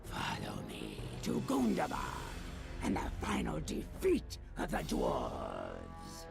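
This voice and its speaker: A man's voice: extremely low pitch, wildly swooping pitch, slow, heavily acted. A man playing an ancient, imperious male dragon in a fantasy game, with a monstrous, growling, theatrical dragon voice. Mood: commanding. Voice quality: gravelly, growling. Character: ancient menacing male dragon commanding new subjects. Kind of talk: dramatic fantasy game acting. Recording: loud music behind the voice. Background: game music.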